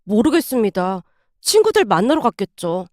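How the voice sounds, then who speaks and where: A woman voicing a timid young husband who answers quietly and politely. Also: mid-range voice, big pitch swings, moderate pace, no echo, clean studio sound, pitched below the performer's own voice, close to an everyday voice. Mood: meek. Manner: quiet, deferential replies.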